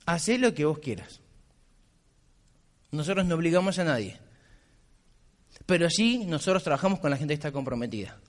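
A man delivers a motivational speech as a business mentor. He speaks with a high voice and drives his points home bluntly, repeating them insistently. His voice rings out with the long reverb of a hall. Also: expressive, moderate pace, pauses often. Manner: blunt, insistent, repetitive exhortation.

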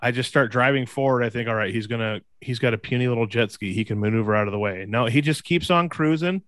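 A young man co-hosting a casual chat, telling a story in an animated way and jumping high in pitch when he quotes people. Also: fast talker, no room sound. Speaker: podcast co-host.

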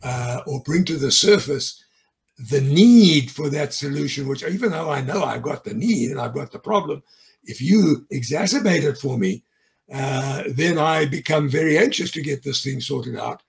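A man's voice: mid-range voice, lively intonation, normal speed, creaky, poor audio. A man as an interview guest, telling sales stories in a chatty way, chuckling often and doubling up words as he starts sentences. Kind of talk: conversational interview.

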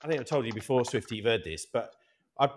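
A middle-aged man from Yorkshire hosts a casual podcast in a mid-range voice. He tells anecdotes with lively, teasing banter. His delivery is chatty and informal. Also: medium pitch, fast talker. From Yorkshire, England. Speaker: podcast host. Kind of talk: casual chat.

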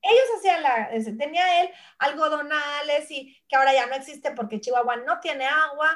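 A woman in her forties from Mexico with a high voice, chatting as a guest. She tells stories in an animated way and slips into the voices of her mother and grandparents. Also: a little fast. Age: 40s. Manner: animated storyteller who acts out family voices. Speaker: guest, nutritionist and brand founder. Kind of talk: casual conversation.

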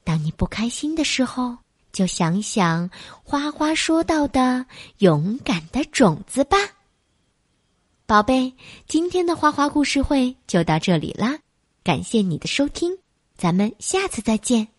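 A woman reads a bedtime story to a little child, softly coaxing and calling the listener baby. Her voice sits high and swoops up and down in a lively sing-song. The sound is dry and close. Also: unhurried, husky, dry recording.

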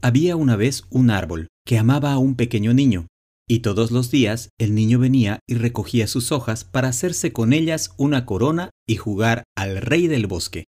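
Calm man reading a children's story. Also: mid-range voice, moderate pace.

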